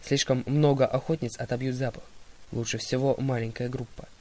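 A calm, wise old centaur teacher laying out plans in measured, polite sentences, as a man narrates him. There is little change from the reader's own even voice. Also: medium pitch, close to an everyday voice.

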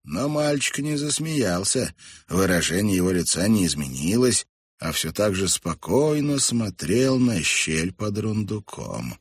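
A man narrating a storybook in an even, measured reading. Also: lowish voice, husky, no echo, clean studio sound. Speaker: audiobook narrator.

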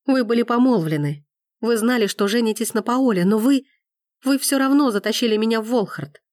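A woman's voice: a little high, expressive, moderate pace, no echo, studio quality, pitched above the performer's own voice, lightly acted. A woman voicing a furious, hurt young woman who pleads near tears. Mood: accusing. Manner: impassioned, rising, near tears.

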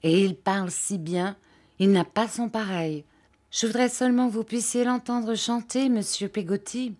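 A woman's voice: medium pitch, steady tone, normal speed, darkish tone, pitched above the performer's own voice, close to an everyday voice. Woman reading an earnest, gushing young boy. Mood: admiring. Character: earnest, admiring young schoolboy.

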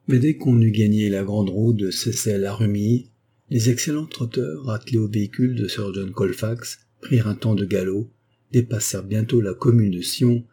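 A man with a husky voice narrating a novel in a steady, measured reading. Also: lowish voice. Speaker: audiobook narrator. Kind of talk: scripted narration.

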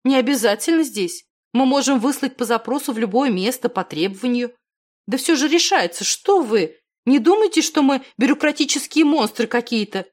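A fussy, flustered middle-aged official woman who talks higher and louder than the reader's own voice, as a woman narrator puts her on. She speaks in a rushed, defensive way in an audiobook reading. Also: lively intonation. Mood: indignant.

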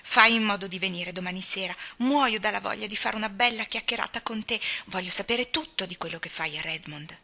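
A woman's voice: medium pitch, a little fast, few pauses, sharp tone. A woman reading aloud, voicing a chatty, eager young woman who gushes about her plans.

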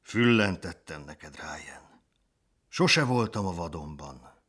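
A man voicing a gentle father lion in a storybook reading, speaking low and subdued. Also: breathy edge, exaggerated voice.

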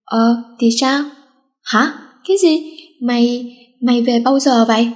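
A woman's voice: fairly high pitch, fairly even intonation, moderate pace, darkish tone, close to an everyday voice. A woman voicing a cheeky, insolent schoolgirl who talks back with teasing, offhand remarks. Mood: playful.

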